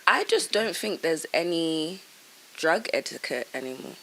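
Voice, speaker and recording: Young woman, podcast co-host; lively storyteller who acts out voices and laughs a lot. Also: low voice, measured pace. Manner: animated storyteller, acts out quotes, laughs often. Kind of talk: casual chat.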